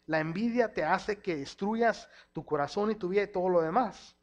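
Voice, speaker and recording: A man from El Paso, Texas, preaching a sermon in a church hall. He talks in an animated way, acting out quoted speech and slipping in English words. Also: sits high, moderate pace. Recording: dull lo-fi sound.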